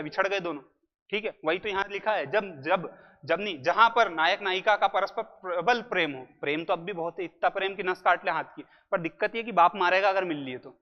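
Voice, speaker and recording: Male tutor, high voice, chatty exam-prep lecture style; dull audio with long reverb. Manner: chatty, jokey, addresses students as brother. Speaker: Hindi grammar teacher. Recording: muffled lo-fi audio in a reverberant room.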